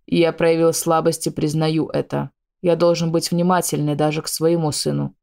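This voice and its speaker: A woman's voice: little pitch movement, creaky, a little mellow. A woman doing a stern old alien ruler. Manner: slow, low growling delivery.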